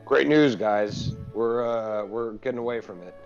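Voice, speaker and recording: A man's voice: mid-range voice, a little slow, lo-fi sound, faint music behind. A man playing in a tabletop game, talking in a dry, sarcastic way. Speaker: player.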